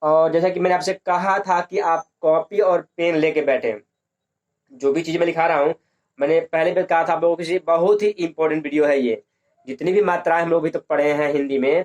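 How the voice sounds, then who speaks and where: A man's voice: fairly high pitch, a little mellow. A man teaching a lesson on English pronunciation, repeating points and asking and answering his own questions.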